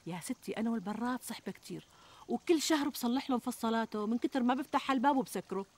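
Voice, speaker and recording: An actress playing a plump, middle-aged Syrian housewife who complains expressively and plaintively in a TV comedy. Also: female voice, fairly high pitch, racing, a little mellow, natural voice. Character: plump, fretful, self-deprecating housewife and mother. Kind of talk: conversational TV comedy sketch acting. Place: outdoors in a garden. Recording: outdoor ambience, trickling water noise.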